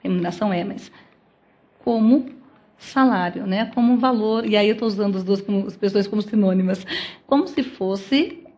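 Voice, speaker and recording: A woman's voice: medium pitch, normal speed, warm tone, dull audio. A Brazilian woman giving a law lecture, explaining step by step and posing rhetorical questions to the audience. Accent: Brazilian Portuguese. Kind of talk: academic lecture. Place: lecture hall.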